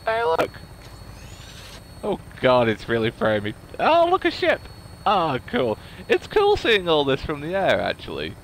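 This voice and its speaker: A man's voice: medium pitch, wildly swooping pitch, unhurried, a little hiss or hum, low-quality recording. A man giving casual, chatty commentary while playing a game, full of self-deprecating asides. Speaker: let's play host.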